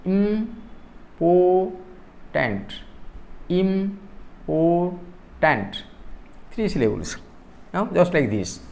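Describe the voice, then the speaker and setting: A man's voice: high voice, vocal fry. Odia-accented man teaching a poetry lesson. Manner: slow, deliberate explanations with repeated words; switches between English and Odia. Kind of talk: classroom lecture on poetry.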